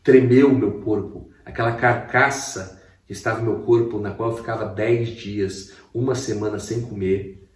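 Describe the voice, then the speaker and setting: A man's voice: fairly low pitch, fairly even intonation, normal speed. A man giving an emotional personal testimony as a guest, a vivid storyteller who acts out quotes. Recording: roomy, distant mic.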